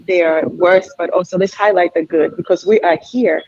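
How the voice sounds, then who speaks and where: Earnest woman panelist, husky, on a muffled video call. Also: fairly low pitch, steady tone, normal speed, darkish tone, dry recording. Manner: earnest, admiring, with many fillers. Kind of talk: virtual panel discussion. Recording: dull lo-fi video call audio.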